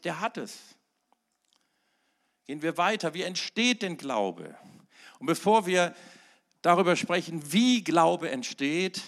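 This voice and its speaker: A middle-aged man delivers a sermon as pastor. His voice sits a little high and carries a gravelly edge. He hammers single words at full force, then drops to near-hushed asides. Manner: emphatic preaching with sudden loud peaks and quiet asides.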